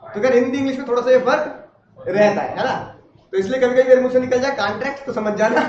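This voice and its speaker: Brief: quick, very high-voiced male teacher, joking with students, recorded from across an echoey classroom. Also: background noise. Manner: chatty, asks the class questions and jokes. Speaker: law teacher. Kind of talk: classroom lecture. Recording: roomy, distant, dull classroom recording.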